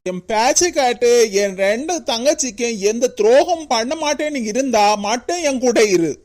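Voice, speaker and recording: Woman voicing a high-pitched cartoon brother with a Kanyakumari accent. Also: expressive, normal speed, darkish tone, close to an everyday voice. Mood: stern. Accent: Kanyakumari Tamil. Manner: emotional, pleading then scolding. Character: remorseful then stern adult brother, head of family. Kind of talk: cartoon voice acting.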